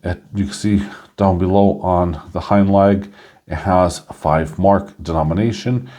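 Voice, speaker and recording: A man with a fairly low, warm and mellow voice talks through a coin review in a loose, chatty way. He often chuckles and leans on ums and uhs as he shows each detail. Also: fairly even intonation, a little slow. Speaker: coin reviewer and channel host. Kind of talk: casual coin review narration.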